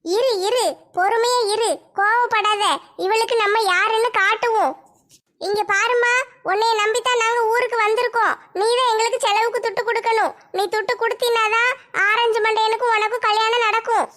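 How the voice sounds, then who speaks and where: A woman's voice: very high voice, steady tone, a little fast, fairly bright tone. A woman voicing a sly, scheming woman who coaxes sweetly in a comedy sketch. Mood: coaxing. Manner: coaxing, soothing.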